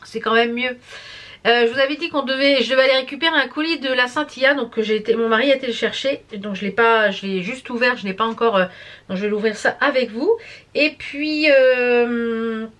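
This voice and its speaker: A woman's voice: on the high side, a little fast, fairly bright tone. A tired woman chatting casually to camera as a vlogger, rambling and stumbling over her words. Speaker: beauty and embroidery vlogger.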